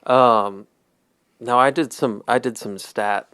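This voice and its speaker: A man's voice: mid-range voice, fairly even intonation, takes it slowly, a bit bright, smooth, no room sound. A man co-hosting a sports podcast, chatting casually, rambling and chuckling at his own stat jokes. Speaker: podcast co-host.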